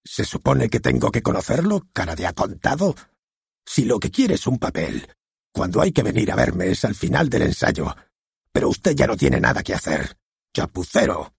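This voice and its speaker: A man voicing a loud, rude, eccentric theater director who barks and insults, with a nasal voice. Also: medium pitch, very animated, normal speed, vocal fry, breathy edge, dry recording, clean studio sound, voice pushed up, exaggerated voice. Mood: brusque.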